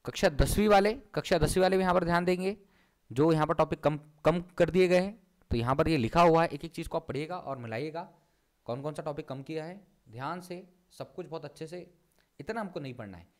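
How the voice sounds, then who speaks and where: A man with a high voice teaches an online class, walking viewers through a document one item at a time. He repeats his instructions again and again as he goes. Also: a little fast. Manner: repeats points over and over, instructing.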